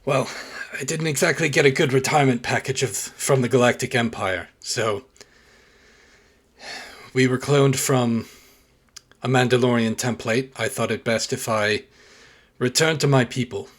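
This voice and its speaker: A man's voice: mid-range voice, fairly even intonation, moderate pace, pauses often, a bit bright, natural voice. A man voicing a curt, aging male clone mercenary with a put-on New Zealand accent. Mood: bitter. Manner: terse clipped sentences.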